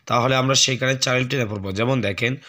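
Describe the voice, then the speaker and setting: A man teaching Quran reading, who spells out letters and vowel marks, explains the rules quickly, then recites the verses slowly and drawn out, often clearing his throat. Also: medium pitch, steady tone, sharp tone.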